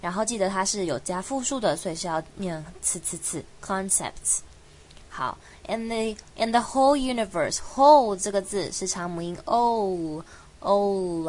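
A young woman hosting an English pronunciation lesson, explaining each sound slowly and repeating words to demonstrate them. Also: medium pitch, animated, darkish tone, poor audio. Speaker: English pronunciation teacher and host. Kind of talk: language lesson.

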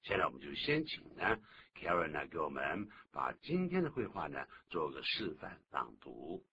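Low-voiced older man, animated teacher. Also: moderate pace. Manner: lively explaining, acts out complaints. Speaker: English teacher, radio host. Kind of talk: bilingual radio English lesson. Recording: dull lo-fi radio recording with noise.

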